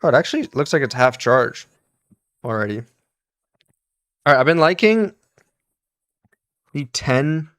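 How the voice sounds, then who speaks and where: Male host, mid-pitched, easygoing live-stream chatter at a repair bench, laughs a lot and reads out viewer messages. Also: very animated, takes it slowly, pauses often, fairly bright tone. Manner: chatty, laughs often, greets and thanks viewers. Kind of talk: casual live-stream chat while soldering.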